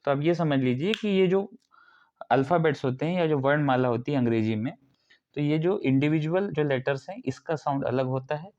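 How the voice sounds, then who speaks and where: A man's voice: fairly high pitch, fairly quick, a little mellow, lo-fi sound. A male instructor from India giving a classroom lecture, explaining step by step and asking the class questions. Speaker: ITI instructor.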